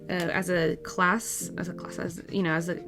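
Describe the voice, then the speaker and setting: A woman's voice: lowish voice, level tone, normal speed, vocal fry, music in the background. Chatty young woman streamer. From Portugal. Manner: chatty, laughs easily, reads out and answers viewer messages. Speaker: art streamer. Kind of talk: casual live-stream chat while drawing.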